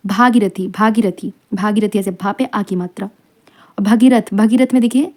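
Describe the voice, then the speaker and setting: A woman's voice: mid-range voice, fairly even intonation, unhurried, mellow. A woman teaching a spelling revision lesson, saying each word several times and spelling out its letters and vowel marks.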